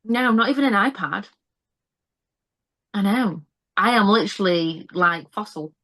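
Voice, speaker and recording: A woman's voice: mid-range voice, expressive, unhurried, fairly bright tone, no echo. A woman chatting as a guest, laughing often and joking at her own expense. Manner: giggly, self-deprecating. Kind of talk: casual chat.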